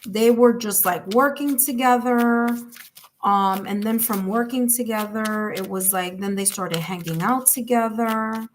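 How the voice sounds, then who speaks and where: A tarot reader with a Puerto Rican accent does a live reading in a chatty style, full of fillers and repetition. Her voice is on the high side and unhurried, with a little hiss or hum in the background.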